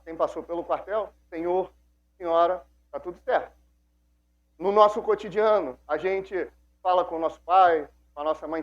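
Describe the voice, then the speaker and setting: A man's voice: high-pitched, highs cut off. A man teaching a Bible class like a sermon, acting out quoted speech and asking the class questions.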